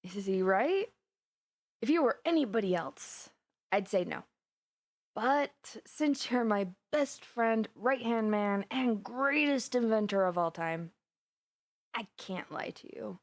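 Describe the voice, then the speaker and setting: A voice actor delivers an audio roleplay monologue as a giddy, flustered young villainess spilling secrets to her best friend. She speaks slowly at a medium pitch, her mood softer and confessional, while the storytelling stays gossipy, rambling and animated, with giggles.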